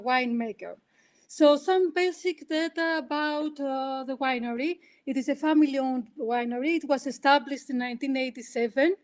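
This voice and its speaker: A woman's voice: sits high, darkish tone. A woman who is a chief winemaker presenting in an online seminar over a video call, speaking hesitantly with fillers.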